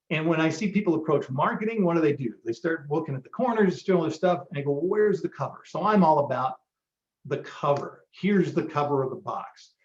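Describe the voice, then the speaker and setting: A man hosting a live online marketing workshop, giving a motivational pep talk with frequent ums. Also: fairly high pitch. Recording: roomy, dull lo-fi sound.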